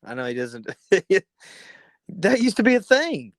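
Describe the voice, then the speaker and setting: A man's voice: high voice, very animated, unhurried, dry recording. A man co-hosting a podcast in casual, joking chat and laughing often. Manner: jokey, laughs often, teasing. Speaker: podcast co-host.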